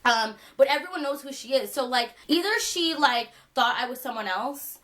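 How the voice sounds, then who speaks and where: A young woman vlogger telling a funny story in casual chat, animated and laughing, with lots of fillers. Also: high-pitched, normal speed.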